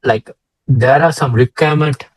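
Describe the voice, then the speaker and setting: A young man from Sri Lanka who works as a data engineer co-hosts a casual slide talk on a video call. He speaks in a mid-range voice at normal speed, hesitating often with fillers and restarts, on a dry recording.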